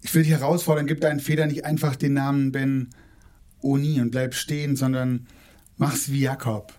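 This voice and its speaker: A man preaching a sermon in an informal, colloquial way, often restarting and repeating words, and slowing down to stress key phrases. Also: little pitch movement, darkish tone. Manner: slows down and lowers his voice for emphasis.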